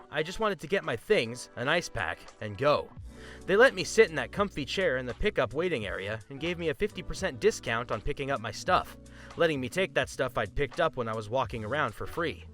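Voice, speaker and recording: A man narrating a first-person story in an expressive, scripted reading. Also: medium pitch.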